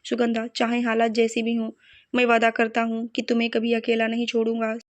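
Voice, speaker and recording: Brief: earnest loyal son, read by a woman narrator, even storybook delivery, higher voice. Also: brisk, dry recording, natural voice. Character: upright hardworking elder son man.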